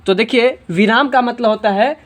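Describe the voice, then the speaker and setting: A woman teaching a grammar lesson in a classroom, patient and full of questions for her students. She slows down to spell out each example sentence. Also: on the high side.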